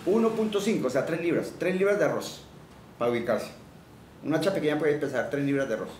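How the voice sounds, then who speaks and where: Talking fast and expressively, this male preacher has a somewhat high voice with a darkish tone. His teaching sermon mixes plain explanations of scripture he reads aloud with quizzes for the congregation and lines they repeat back to him. The sound is roomy and echoey, captured from a distance, with faint noise.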